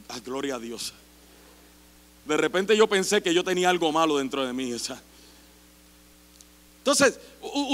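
A middle-aged man preaching a sermon as pastor, impassioned and rising to shouts. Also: high voice. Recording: long hall reverb.

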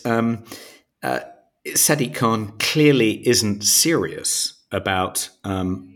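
A man co-hosting a podcast, speaking hesitantly with many pauses and ums. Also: lowish voice. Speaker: podcast co-host. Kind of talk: casual political chat.

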